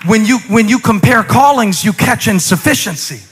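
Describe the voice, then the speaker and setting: A man preaching a sermon to a congregation, talking conversationally and then rising to loud exhortation. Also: high-pitched, lively intonation, moderate pace, soft background music. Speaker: pastor.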